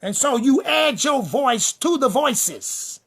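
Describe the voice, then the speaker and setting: A man with a high, gravelly voice preaching a fiery sermon-style lecture. He hammers his points home in repeated refrains and lists, speaking directly to the people in front of him. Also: animated, slow pace, fairly bright tone. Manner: emphatic and repetitive, addresses the listeners directly; builds lists and refrains for rhythm. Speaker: preacher and teacher.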